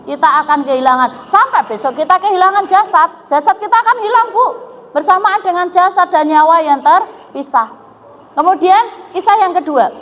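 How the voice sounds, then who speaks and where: A woman's voice: very high voice, fairly bright tone. A woman with a Javanese accent giving a religious lecture to women, telling stories and asking the audience questions. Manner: storytelling, asks the audience questions, mixes in Javanese. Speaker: preacher. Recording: dull echoey hall recording with faint noise.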